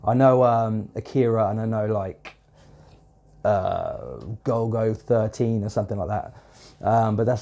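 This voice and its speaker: A man with a cold and a stuffed-up nose reviews a show episode on video in a rambling, casual way. His voice is lowish and mellow, and he uses lots of fillers and swearing.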